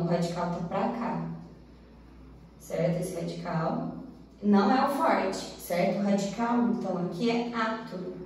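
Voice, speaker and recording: A woman's voice: medium pitch, darkish tone, slight background noise. Brazilian woman teaching in an echoey room. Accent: Brazilian Portuguese. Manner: keeps checking in with the class. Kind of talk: grammar lesson. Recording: very echoey room, far from the mic.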